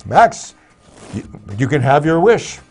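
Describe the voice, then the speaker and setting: A man's voice: on the high side, very animated, slow, darkish tone, soft background music, heavily acted. A man voicing a boastful male genie in a joke, with grand, self-assured announcements. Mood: grandly assured.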